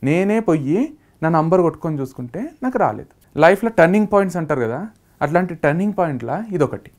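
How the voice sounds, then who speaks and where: A man with a Telangana Telugu accent, a startup founder telling a personal story in a lively way and acting out what his family said. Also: a little high, quick pace. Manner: lively, acts out family members' quoted lines.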